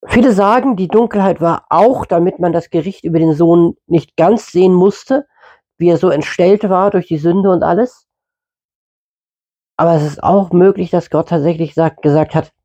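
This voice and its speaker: A man explaining scripture in a relaxed, chatty sermon voice. His tone is warm and dark, with a slightly husky edge. He often pauses with fillers and corrects himself mid-sentence. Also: sits high, dull audio. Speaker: preacher. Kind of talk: informal Bible teaching.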